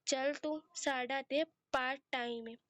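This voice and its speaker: A woman's voice: high voice, steady tone, unhurried, fairly bright tone, no echo. Brief: playful best friend, flirting for fun, read by a female narrator, dry sound. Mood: flirty. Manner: flirtatious, teasing.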